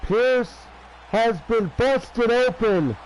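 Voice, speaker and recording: A male wrestling commentator with a high-set voice gives play-by-play at an unhurried pace. He speaks haltingly, restarting phrases, over a noisy background. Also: lively intonation. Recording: clear background noise.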